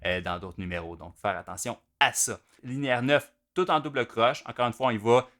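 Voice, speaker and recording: Bright-voiced man teaching drums. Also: mid-range voice, a little fast. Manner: patient, step-by-step explaining. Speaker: drum teacher. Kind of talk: instructional video explanation.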